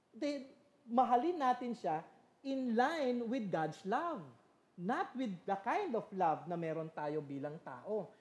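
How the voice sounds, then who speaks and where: A woman's voice: a little high, darkish tone, roomy sound. A middle-aged woman giving a church parenting seminar, switching between Tagalog and English and reading scripture aloud in an earnest teaching style. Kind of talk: teaching sermon. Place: church meeting room.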